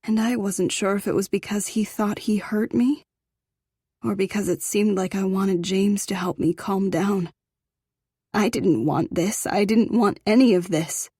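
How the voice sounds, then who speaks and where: A woman's voice: medium pitch, measured pace, warm tone, breathy edge, dry recording, clean studio sound. A woman narrating a first-person romance audiobook in an intimate, emotional reading.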